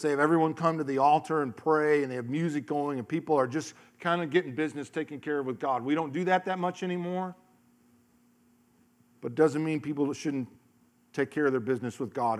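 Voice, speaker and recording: A middle-aged man preaches on a large church stage with a handheld mic. His voice sits a touch high for a man. He tells stories, acts out voices, and swings from hushed lines to loud ones. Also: fairly quick. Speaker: pastor. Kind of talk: sermon.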